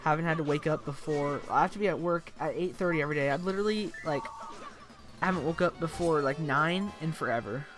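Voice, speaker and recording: A man's voice: a little high, fast. Tired young man rambling over game music. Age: young adult. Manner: rambling, tired, says "like" constantly. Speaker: let's play commentator. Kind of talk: casual gameplay commentary. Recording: game music playing behind.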